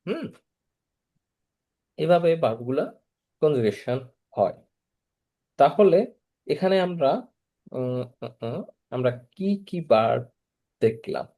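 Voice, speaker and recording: A man's voice: medium pitch, animated, takes it slowly, long pauses, warm tone. A man teaching German verb conjugation in an online class, patiently repeating each form and asking students to respond.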